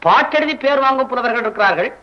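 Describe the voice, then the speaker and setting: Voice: mid-range voice, lively intonation, fast, a little hiss or hum, lightly acted. A young performer in a school play, acting a poor, desperate male poet who grumbles and wails comically. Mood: grumbling. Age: teens. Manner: comic wailing and grumbling, talks to himself. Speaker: stage actor in a school play. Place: school annual day stage. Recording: dull lo-fi stage recording.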